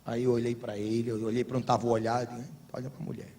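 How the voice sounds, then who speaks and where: A middle-aged Brazilian pastor preaching a sermon to couples, telling humorous stories and building to emphatic exhortation. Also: male voice, mid-range voice, flat delivery, quick pace, dark tone, a little hiss or hum. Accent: Brazilian Portuguese.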